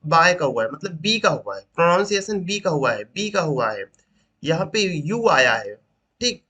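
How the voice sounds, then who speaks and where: High, bright male teacher. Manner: asks rhetorical questions, repeats points, says "ठीक" often. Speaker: English teacher. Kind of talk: classroom lesson explanation.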